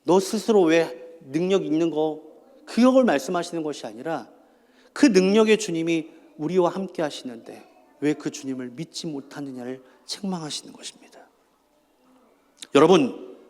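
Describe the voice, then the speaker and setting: In a reverberant church hall, a high-voiced man preaches as a pastor, delivering a sermon full of rhetorical questions and calls for the congregation to repeat. The recording carries a long church-hall reverb.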